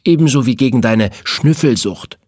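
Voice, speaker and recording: A man voicing a bossy, know-it-all girl in a read-aloud children's story, speaking in a lecturing, brisk way. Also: medium pitch, animated, darkish tone, husky, no room sound, studio quality, voice pushed up. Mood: challenging.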